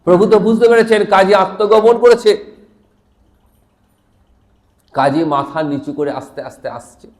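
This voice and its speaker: A male preacher recounts a sacred tale in an animated, intoning sermon style. His voice sits fairly high and carries a noticeable echo from the room around him. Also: unhurried, long pauses. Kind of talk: devotional storytelling sermon with chanting.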